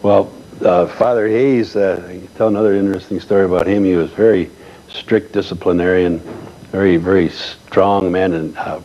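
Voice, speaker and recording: An older man reminiscing in a relaxed chat as a guest, telling stories with many pauses and fillers. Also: sits low, lo-fi sound, a little hiss or hum. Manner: folksy storyteller, halting with many fillers. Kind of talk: casual reminiscing.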